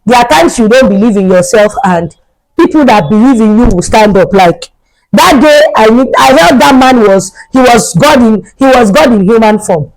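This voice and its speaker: Woman, young adult, storytime vlog, dramatic, pitch leaps. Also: moderate pace, rough recording. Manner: animated, dramatic storytelling with sudden jumps in pitch. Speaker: vlogger.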